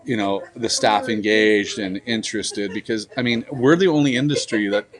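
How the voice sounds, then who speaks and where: A man's voice: on the low side, moderate pace. Earnest man on a remote call. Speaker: festival promoter guest. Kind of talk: casual interview chat.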